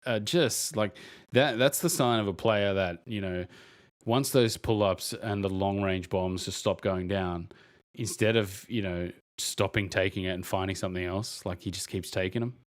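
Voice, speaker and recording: A man's voice: low voice, moderate pace. A man co-hosting a podcast, in rambling casual sports chat, acting out what he'd say to players. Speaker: podcast co-host.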